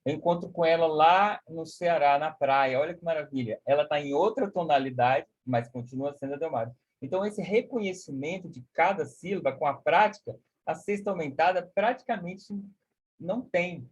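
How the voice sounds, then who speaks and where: A male teacher with a fairly high, husky voice explains music theory in a live online class, often ending phrases with "né?" and breaking into sung solfège. The audio comes through a video call and sounds muffled and lo-fi. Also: normal speed. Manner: explains warmly with many "né?", sings solfège syllables.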